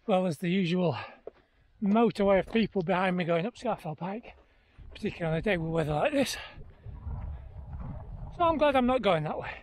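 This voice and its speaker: A man's voice: sits high, lively intonation, a little fast, long pauses. A middle-aged man casually narrating a vlog to camera while on the move, trail running outdoors. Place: outdoors on an open mountainside. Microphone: handheld action camera at arm's length. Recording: noisy outdoor handheld camera recording.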